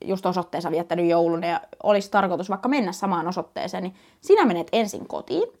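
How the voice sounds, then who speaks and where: A woman's voice: lowish voice, lively intonation, a little mellow. A young woman co-hosting a casual chat podcast, telling stories animatedly and laughing often. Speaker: podcast co-host.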